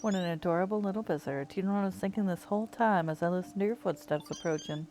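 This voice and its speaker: A woman voicing a shape-shifting blob creature posing as a human, speaking quickly in a deliberately put-on accent. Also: fairly low pitch, warm tone, soft background music, natural voice. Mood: curious. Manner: put-on accent, fast and chatty.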